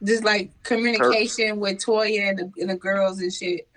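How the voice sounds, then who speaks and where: A woman's voice: mid-range voice, fairly even intonation, moderate pace, a bit bright, poor audio. Female friend in casual banter, blunt and slangy, light noise behind her. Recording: faint background noise with clicks.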